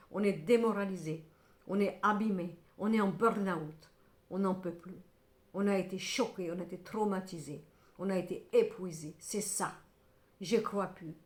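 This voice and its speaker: A woman's voice: medium pitch, unhurried, pauses often, darkish tone. Middle-aged woman tarot reader, emphatic, scolding then consoling, in an echoey room. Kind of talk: tarot reading to camera.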